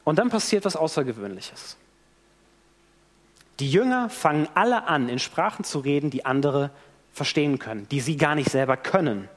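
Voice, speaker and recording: Preaching in a church hall, a man with a somewhat high voice recounts the story vividly at a moderate pace, acting out what people say. Long reverb from the hall surrounds his animated storytelling.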